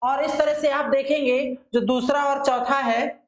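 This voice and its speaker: A woman teacher giving a methodical lesson. She asks questions and answers them herself, and she draws syllables out slowly to demonstrate them. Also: high-pitched, fairly even intonation, roomy sound, poor audio. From India. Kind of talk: classroom-style lesson.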